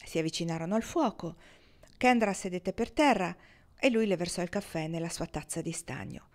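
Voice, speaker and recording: A woman narrating a novel as an audiobook reader, measured and expressive. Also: fairly low pitch.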